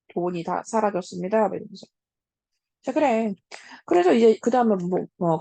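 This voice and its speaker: A woman teacher giving a casual lecture on a classic story, talking straight to her students with many soft hums between points. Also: a little high, vocal fry, no room sound. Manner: casual, talks to students as 얘들아 with frequent hums.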